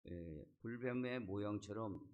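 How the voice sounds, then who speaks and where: A man with a fairly low voice delivers a Sunday sermon as the church's senior pastor. He retells the scripture story in his own words, pausing on short affirming fillers between phrases. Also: highs cut off.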